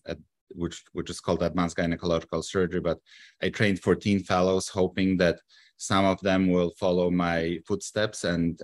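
A man in his fifties with a Polish accent, a surgeon answering questions on a video call from his office, earnest and halting with many fillers and restarts. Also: low-pitched, no echo. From Poland. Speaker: surgeon guest. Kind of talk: live video interview. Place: office with a poster behind him. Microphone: webcam on a video call.

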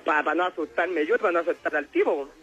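Un hombre con acento chileno que llama a la radio y cuenta una historia personal con mucha jerga, divagando y riéndose seguido. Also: male voice, a little high, expressive, fast, fairly bright tone, husky, muffled recording, soft background music. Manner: slangy, rambling, laughs often. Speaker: caller. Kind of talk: telling a personal story on call-in radio.

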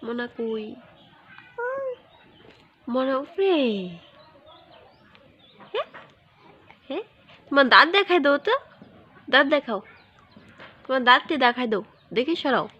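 A woman's voice: high-pitched, animated, slow, long pauses, bright, forceful tone, dull audio, slight background noise. A mother with a coaxes her toddler at home, repeating short sing-song prompts into a phone camera. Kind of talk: casual home vlog, coaxing baby talk.

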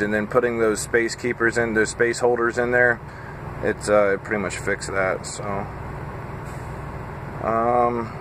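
A man in his thirties, a truck driver, chatting casually and haltingly with lots of fillers while tired and a bit scattered, filmed on a phone at arm's length in his parked cab. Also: mid-range voice, a bit bright, slight background noise. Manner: rambling, halting, with frequent fillers. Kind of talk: casual vlog chat. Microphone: phone camera at arm's length.

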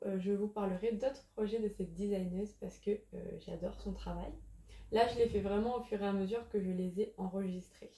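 A woman's voice: mid-range voice, dark tone. A woman talking casually about crochet patterns, chatty and often hesitating with fillers. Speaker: crochet YouTuber. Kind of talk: casual chat. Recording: echoey room.

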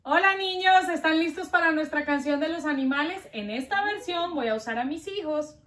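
A woman teaching Spanish to preschool children, slow and patient, repeating each word in two languages. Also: sits high, fairly bright tone.

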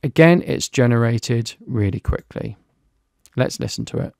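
A man with a gravelly, slightly rough voice walks through a software demo in a relaxed, talky way, narrating each click. The sound is dry and close, with no room echo. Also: medium pitch, a little slow. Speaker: software reviewer. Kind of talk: screen-recorded software walkthrough.

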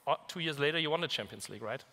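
A man's voice: a little high, expressive, racing, pushed and bright. A man hosting a stage interview, asking questions eagerly. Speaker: interviewer and host. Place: large event hall on stage. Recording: long hall reverb, from off the mic.

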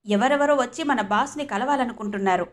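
A woman's voice: fairly high pitch, brisk, natural voice. A woman voicing a snobbish, condescending senior car saleswoman. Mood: mocking. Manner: mocking, condescending.

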